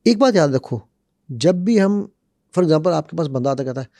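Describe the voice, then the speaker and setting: A guest on a podcast who speaks about conflict management tells lively, animated stories, acting out quotes as he goes. His voice is fairly high, and the studio recording is dry.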